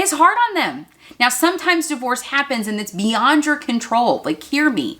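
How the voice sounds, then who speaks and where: A woman's voice: a little high, a bit bright. Woman in her 30s, blunt and preachy, talking straight at the camera. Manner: earnest, blunt, preachy, addresses viewers as "y'all" and "you guys". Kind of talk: direct-to-camera advice talk.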